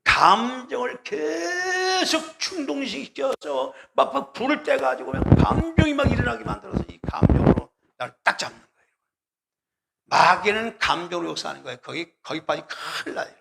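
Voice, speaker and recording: With a very high, slightly bright voice, lively intonation and some vocal fry, a man preaches at a moderate pace. He's a pastor whose sermon is emphatic and repetitive, full of questions for the congregation, direct address and cries of hallelujah.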